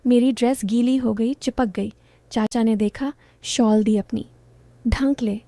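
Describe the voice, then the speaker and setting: A woman narrates a first-person story in short, clipped phrases, soft and intimate in manner. Her voice is mellow and fairly high, and she reads unhurriedly. The recording is close and dry. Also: fairly even intonation, measured pace, no room sound.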